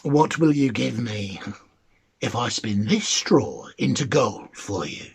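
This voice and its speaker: A man voicing a crafty, bargaining little male imp in a storybook reading, with sly, drawn-out phrasing. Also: mid-range voice, animated, creaky, slightly rough, voice pushed down, exaggerated voice.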